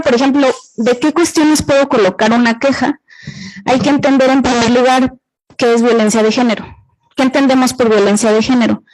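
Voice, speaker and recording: A Mexican woman with a high voice gives an interactive talk to students. She explains carefully, asks the room questions and repeats their answers back to them. She sounds middle-aged. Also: a little mellow, poor audio. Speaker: university gender violence workshop speaker.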